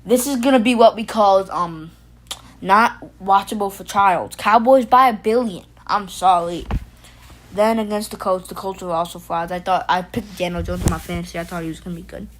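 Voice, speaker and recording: A woman streaming casually to her chat, joking and rambling with loose restarts. Her pitch sits in a middle range, and she calls out to viewers by name. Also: normal speed, slight background noise, rough recording. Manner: playful, jokey, talks to chat by name. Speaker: livestream host.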